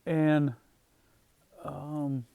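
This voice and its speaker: A man speaks casually to camera as a farm vlogger, his voice sitting a bit higher than most men's. He rambles along at an easy pace, stopping and restarting his sentences with lots of "um"s. The sound is close and dry, with no room around it. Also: level tone, vocal fry, clean tone, no echo, phone-quality sound. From Northwest Indiana, USA. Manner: unhurried, halting, many fillers and restarts.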